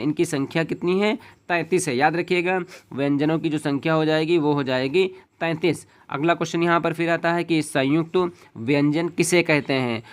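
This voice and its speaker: A man with a slightly higher voice teaches an exam-prep lesson. He explains each answer step by step and adds a quick "okay" after every point. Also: clear, resonant tone.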